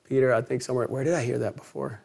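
Gravelly-voiced pastor telling a story. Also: male voice, medium pitch, very fast. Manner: lively storytelling, acts out the characters. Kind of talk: sermon. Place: church sanctuary.

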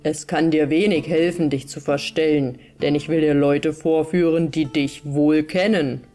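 A woman's voice: steady tone, measured pace, mellow, soft background music. A woman playing the Strong One, a wrathful robber chief. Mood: stern. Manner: wrathful, booming commands. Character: stern, commanding robber chief, grown man.

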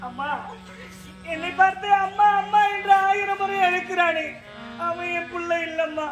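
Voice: very high voice, moderate pace. A performer in a stage drama playing a remorseful woman who comforts and confesses in declamatory lines. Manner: consoling, then guilt-ridden and declamatory. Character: remorseful woman who took another's baby. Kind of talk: Tamil stage drama acting. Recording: echoey distant stage recording with music.

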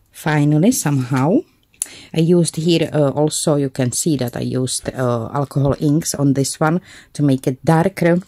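Slow, mellow-voiced woman crafting. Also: deep voice. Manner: thinks aloud while working, self-correcting. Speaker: craft channel host. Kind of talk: casual crafting tutorial.

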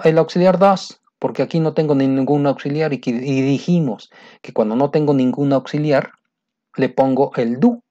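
A patient teacher walks through a grammar lesson step by step, repeating key points and checking in with the listener. The voice sits in a middle register and sounds mellow and soft-edged. The recording is dull and muffled. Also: mid-range voice. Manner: patient, repetitive, keeps checking understanding. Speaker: English teacher.

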